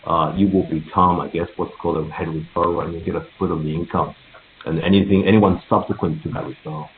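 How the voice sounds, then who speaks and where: A man hosting a casual business meeting over a group voice call. He talks in a chatty way, with many fillers and laughs between points. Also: low-pitched. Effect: group voice call, heard over a conference line. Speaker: meeting host for a real estate network. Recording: tinny echoey call line with faint hiss.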